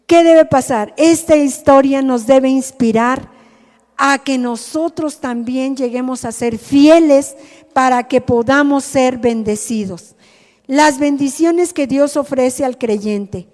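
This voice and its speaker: A woman's voice: high-pitched, slow, a little mellow. A woman with a Mexican accent preaching to a group, often asking them questions. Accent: Mexican Spanish. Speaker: teacher at a rehab ministry. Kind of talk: sermon to a group. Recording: hall reverb.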